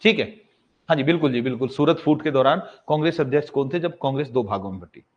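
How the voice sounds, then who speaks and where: Speaking quickly in a mid-range voice, a man gives a laid-back exam-prep history lesson to students he calls "bhai." He puts a question to them, answers it himself, and drills the key facts again. The sound is lo-fi and a bit dull.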